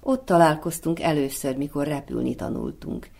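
A man reading the lines of a tender, worried little female swallow, the wife, in a storybook, softly and gently. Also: on the high side, vocal fry.

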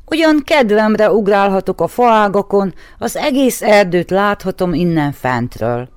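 A woman's voice: mid-range voice, expressive, smooth, dry recording, voice pushed up, close to an everyday voice. A woman voicing a wistful little squirrel who sighs and dreams of flying. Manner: sighing, wistful.

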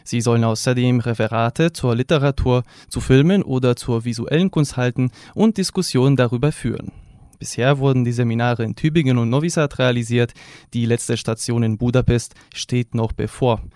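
A man presenting a scripted radio news report in a formal, even reading voice. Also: mid-range voice, normal speed, no room sound, studio quality.

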